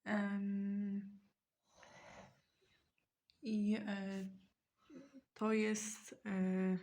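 A woman talking casually in a mukbang while eating, hesitant and often pausing mid-sentence to think. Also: mid-range voice, darkish tone. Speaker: mukbang vlogger.

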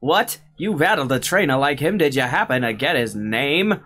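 A man's voice: medium pitch, expressive, normal speed, a bit bright, soft background music, pitched above the performer's own voice, natural voice. A man voicing an officious adult male police officer in a video game, formal and inquiring. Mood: questioning.

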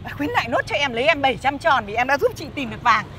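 A crafty chicken seller, very high voice. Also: female voice, very animated, noisy background. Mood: wheedling. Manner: fast-talking sales patter, cheeky. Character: crafty chatty female market chicken seller. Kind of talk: sitcom acting.

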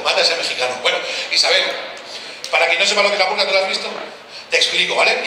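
Brash, fast-talking comedian on stage. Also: male voice, high-pitched, background noise. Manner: brash, teasing, swears freely, quick banter with the audience. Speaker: stand-up comedian. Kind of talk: live stand-up with crowd work. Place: outdoor town festival stage. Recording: echoey live stage sound from a distance.

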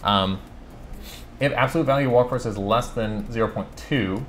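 A man from California hosting a casual live coding stream, chatting and thinking aloud, reading code out slowly with lots of fillers and self-corrections. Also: medium pitch, slight background noise. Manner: reads code aloud slowly while typing. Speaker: livestream host answering coding questions.

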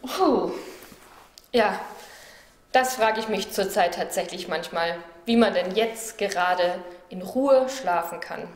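A woman delivers a devotional reflection in a calm, measured and thoughtful manner. Her voice sits at an ordinary middle pitch. The recording carries a noticeable roomy echo. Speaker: church devotional speaker.

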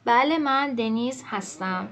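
Woman teacher, kinda high voice, quick explainer, slows down for examples. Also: fairly bright tone, a little hiss or hum. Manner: explains in quick speech, reads example sentences slowly. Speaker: Turkish language teacher. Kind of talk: online language lesson.

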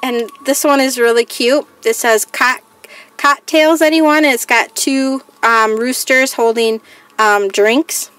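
A woman's voice: a little high, fairly even intonation, a little slow, a bit bright, faint music behind. A woman crafting vlogger chatting casually through a haul, reading each item aloud in a plain, listing way. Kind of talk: casual haul show-and-tell.

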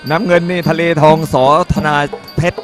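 A man's voice: a little high, little pitch movement, normal speed. A man calling a Muay Thai fight live in short, punchy phrases that he often repeats. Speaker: ringside Muay Thai commentator. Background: music.

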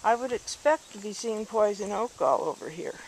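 A woman's voice: lively intonation, moderate pace. A woman narrating her walk along a rural road at dusk, thinking aloud and correcting herself as she films with a handheld camera. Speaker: hiker filming a walk. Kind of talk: casual narrated walk video. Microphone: handheld camera mic. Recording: faint outdoor noise, handheld camera. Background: distant highway traffic.

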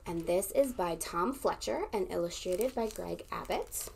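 With a lowish, creaky voice at a measured pace and a little hiss or hum in the recording, a young woman plays a children's librarian reading aloud at storytime. She's animated, gasps for dramatic effect and keeps asking the listener to join in.

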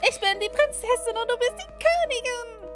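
A woman voicing a shrill, desperate young princess. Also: expressive, moderate pace, over music. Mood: desperate, pleading. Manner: high, pleading and tearful.

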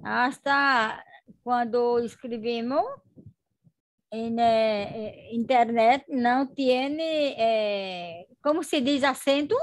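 Slow, hesitant Brazilian woman. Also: fairly high pitch, dry recording, clean studio sound. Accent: Brazilian Portuguese. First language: Portuguese. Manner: hesitant, searching for words. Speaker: student. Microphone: video call.

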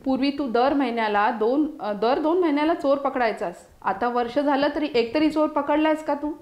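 A woman's voice: high-pitched, normal speed, a little mellow, roomy sound, close to an everyday voice. A woman voicing a fatherly male house master who coaxes his dog, in a storybook reading. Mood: coaxing.

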